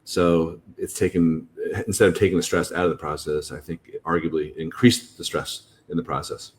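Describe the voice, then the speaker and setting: Man, very low voice, admissions consultant, casual podcast host, stop-and-start delivery. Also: level tone. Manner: halting, many restarts and fillers.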